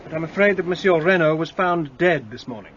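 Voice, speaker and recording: A man's voice: on the high side, expressive, brisk, a bit bright, dull audio, slight background noise. A man playing a polite, stiff police guard.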